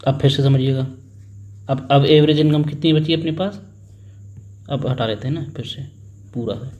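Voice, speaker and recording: A young man with a mid-range, darkish voice teaches an exam-prep maths lesson at a moderate pace. He works sums aloud, repeats figures, prompts students to answer, and acts out family members in a little story.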